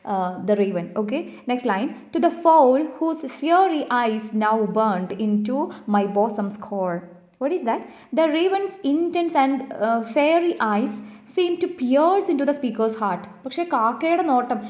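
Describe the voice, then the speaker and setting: A young woman with a Malayali accent teaching a poem. She reads the English lines slowly, then explains each one quickly in Malayalam. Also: a little high, darkish tone. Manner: explains each line, switching between Malayalam and slow read-aloud English. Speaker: English literature tutor. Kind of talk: poetry lecture for exam coaching.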